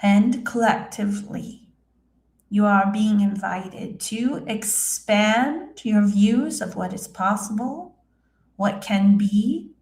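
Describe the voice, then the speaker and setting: Woman channeling a very slow, solemn spirit, seance-medium style. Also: medium pitch, a little mellow. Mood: serene, solemn. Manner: halting, solemn, measured, with hums and long pauses. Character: serene female spirit guide speaking through a seance medium. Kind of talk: trance channeling, addressing listeners as a spirit. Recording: roomy, echoing sound.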